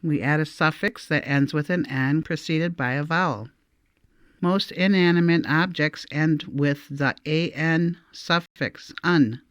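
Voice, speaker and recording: A woman teaching a recorded language lesson, saying each word slowly and repeating it for learners to copy. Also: low-pitched, no echo, clean studio sound.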